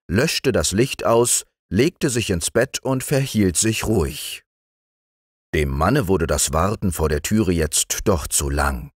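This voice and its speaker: A man reading a fairy tale aloud in a calm bedtime manner, slow and expressive, into a close microphone. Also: low-pitched, dry recording. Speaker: audiobook reader.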